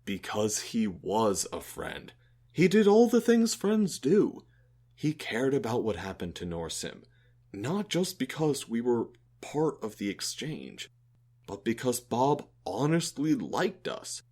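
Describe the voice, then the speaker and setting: An earnest, reflective male alien explains his views in an audio drama, voiced by a man. His delivery is lively, and his pitch rises and falls freely as he talks. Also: slow pace, full character voice. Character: thoughtful male alien who befriended a human.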